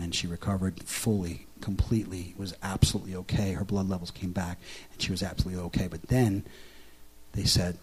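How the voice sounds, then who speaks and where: A male pastor preaching a sermon as a story, chatty and full of fillers and restarts, swinging into excited preaching. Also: low-pitched, slight background noise. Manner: conversational, with frequent "like" fillers and restarts; dramatic preacher who builds to loud, excited delivery.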